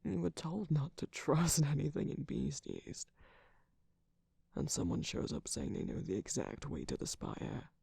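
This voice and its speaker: A man voicing a sly, distrustful jester cookie villain in an intimate ASMR roleplay, teasing and theatrical in a breathy, husky, often whispered voice close to the microphone. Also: fairly high pitch, wildly swooping pitch, a little slow, warm tone, no echo, exaggerated voice. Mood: mocking, guarded. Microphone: close-up microphone, dry.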